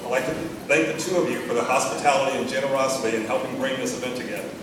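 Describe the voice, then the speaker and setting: A middle-aged American man from Texas gives a father of the bride speech at a wedding, sentimental and gently humorous in a measured delivery. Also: mid-range voice, fairly even intonation, recorded from a distance. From Texas, United States. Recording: echoey room from afar, noisy.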